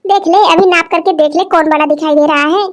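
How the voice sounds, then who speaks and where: A woman's voice: extremely high pitch, fairly even intonation, a little fast. Woman voicing Jyoti, a sassy vain younger sister. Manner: sassy, mocking. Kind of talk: cartoon voice acting.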